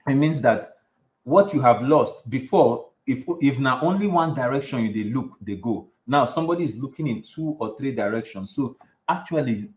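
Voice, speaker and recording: A man's voice: mid-range voice, animated, moderate pace. Rambling man in an echoey room. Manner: rambling, many restarts and fillers. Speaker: show host. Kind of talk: casual relationship advice chat.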